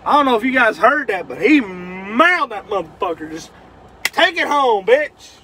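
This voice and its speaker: High, animated trucker swearing. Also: male voice, moderate pace, a little hiss or hum. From Kentucky. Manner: loud, swearing, joking, easily rattled. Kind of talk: profane running commentary.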